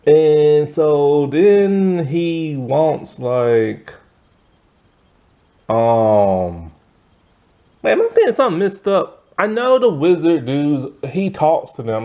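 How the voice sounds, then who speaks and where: A man's voice: medium pitch, mellow. A young man casually recapping a TV episode in a loose, slangy, exasperated way, full of fillers and restarts. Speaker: TV episode reviewer.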